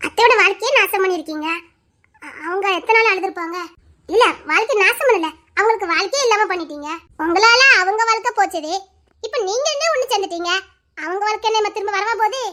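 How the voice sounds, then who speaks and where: A woman's voice: extremely high pitch, expressive, fast, bright, forceful tone, full character voice. A woman playing a bitter grown daughter who lectures her parents reproachfully.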